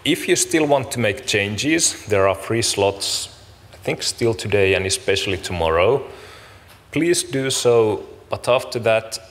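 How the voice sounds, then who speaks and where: A man's voice: on the low side, expressive, a little slow, fairly bright tone. A man opening a conference as its organiser, giving informal practical announcements in a casual, apologetic, somewhat hesitant way. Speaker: event organiser and host opening a summit. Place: large conference room, speaking to an audience. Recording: echoey hall with clear background noise.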